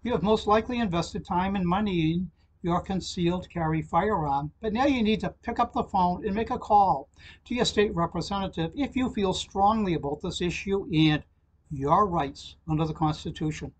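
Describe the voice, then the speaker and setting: An older man with a fairly high, husky voice gives a prepared legislative alert as a channel host, speaking to camera in a formal, measured way from a desk in a small office. He slows down for numbers and web addresses, and the audio quality is poor.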